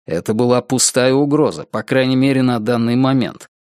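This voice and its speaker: Guy reading a thriller audiobook, mid-pitch voice, dry close mic, kinda sardonic. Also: moderate pace, a little mellow, clear, resonant tone, no echo. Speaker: audiobook narrator. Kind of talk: scripted narration.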